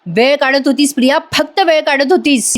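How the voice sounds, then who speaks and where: A woman's voice: sits high, a little fast, close to an everyday voice. A woman voicing a taunting young woman.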